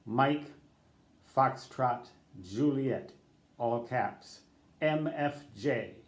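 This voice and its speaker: This is a mid-range male voice, delivered very slowly in a reverberant space. The speaker is an older ham radio operator talking unscripted to camera, offering meandering advice, fixing his own slips, and spelling letters in radio code.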